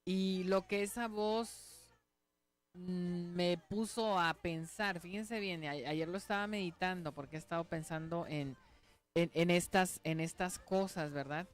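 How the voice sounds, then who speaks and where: A woman's voice: on the low side, steady tone, a little slow. A woman pastor, giving a conversational radio sermon and testimony, earnest, often checking in with her listeners.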